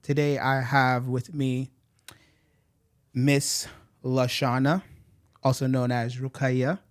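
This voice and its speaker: An American man hosting an interview podcast, upbeat and quick in bursts, with frequent fillers. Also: mid-range voice, level tone. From United States. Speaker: podcast host.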